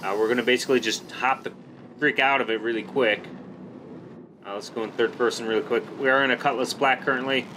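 A man's voice: medium pitch, fairly even intonation, fast talker. A man hosting a gaming video, giving casual, slangy and enthusiastic commentary over his gameplay. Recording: background noise under the voice.

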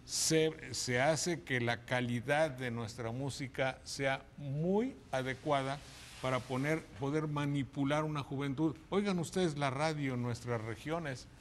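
A man's voice: medium pitch, measured pace, a little hiss or hum. An older man hosting a TV studio program, talking emphatically with many restarts on a lapel mic. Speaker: TV host. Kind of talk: opinionated studio chat. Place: TV studio set, indoors.

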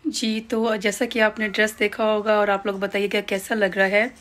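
A woman's voice: mid-range voice, level tone, normal speed, fairly bright tone. A woman in her thirties from Pakistan, chatting casually on a home vlog, rambling with fillers and restarts, recorded on a phone camera indoors. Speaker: vlogger. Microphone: phone camera held close.

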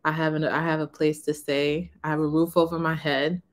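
A woman in her thirties talking frankly to camera in a casual, unhurried way from a small room. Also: low voice, flat delivery. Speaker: vlogger on renting. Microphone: camera in front of her.

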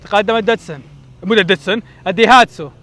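A man with a Gulf Arabic accent giving excited, shouting live commentary on off-road driving, recorded outdoors at sand dunes on a handheld camera. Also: high-pitched, quick pace. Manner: shouting, cheering, teasing drivers. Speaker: channel host filming from the crowd.

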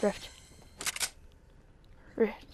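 A woman teammate making casual gameplay callouts, blunt and swearing, saying dude and bro a lot. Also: extremely slow. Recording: game noise and clicks behind voice.

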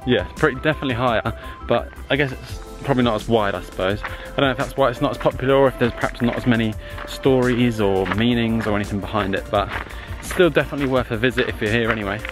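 Talking quickly with hardly any pauses, the young vlogger has a mid-range voice set against background music. He films himself at arm's length outdoors at desert rocks and in a campervan, relaxed and chatty yet hesitant with loose fillers.

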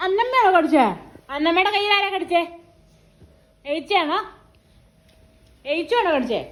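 A woman's voice: very high-pitched, animated, moderate pace, fairly bright tone. A mother at home talking to her toddler in coaxing, teasing baby talk full of repeated questions.

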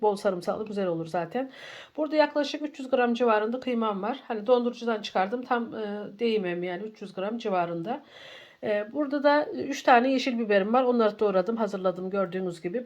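A cooking channel host in middle age welcomes her viewers like friends as she leads a home cooking tutorial in her kitchen. Her voice is on the high side, and a slight cold seems to be dragging her down.

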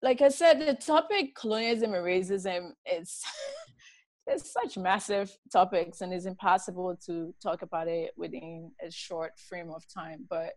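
A tired middle-aged woman from Liberia, giving a relaxed, chatty talk over a laptop video call from a home study. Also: on the low side, a little slow, no room sound. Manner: relaxed, chatty, laughs often. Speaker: guest speaker.

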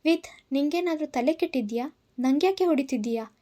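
A woman's voice: high-pitched, moderate pace, mellow, close to an everyday voice. A woman voicing a spoiled, obsessive young woman who talks back in a defiant, taunting way, in a storybook reading.

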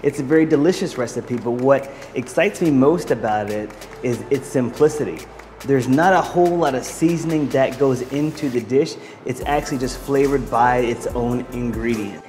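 Man, 30s, friendly home-cooking host, mid pitch, light background music. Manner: enthusiastic, encouraging, addresses viewers as guys. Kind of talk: upbeat cooking demonstration. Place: bright loft kitchen with brick wall, indoors.

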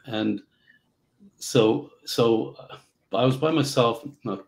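A middle-aged man from Central Africa, telling his story as a guest on a video call, halting with many fillers. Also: medium pitch, vocal fry, low-quality recording. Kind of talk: casual interview storytelling. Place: home office.

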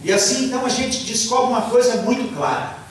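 A man's voice: very high-pitched, animated, recorded from a distance, a little hiss or hum. Man interpreting a sermon in an echoey hall. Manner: halting restarts, fillers while translating. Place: large church hall, indoors. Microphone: handheld mic, filmed by far camera.

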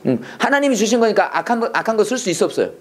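A man teaching a preachy Bible English lesson to a class, animated and leading call-and-response while mixing English and Korean. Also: sits high, very fast.

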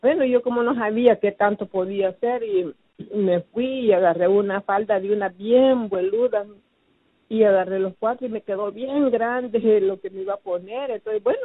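A woman giving a personal testimony, recounting her past slowly and hesitantly, with many fillers and restarts. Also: medium pitch, no echo. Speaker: testimony giver. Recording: phone-like, dry narrow sound.

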